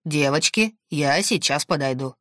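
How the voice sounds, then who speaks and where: Woman reading sly old grandpa figure for a storybook, slow drawl, deep and dry. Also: lively intonation, fairly bright tone, dry recording.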